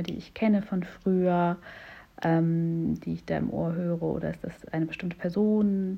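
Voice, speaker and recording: A woman coach speaking directly to her listeners, encouraging and warm as she explains ideas step by step. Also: lowish voice, creaky, slightly rough, lo-fi sound.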